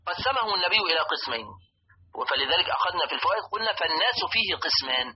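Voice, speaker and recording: A man's voice: sits high, expressive, rapid-fire, dull audio, a crowd in the background. A man with an Egyptian Arabic accent giving a religious lesson, explaining a text and repeating and stressing key words. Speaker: religious teacher.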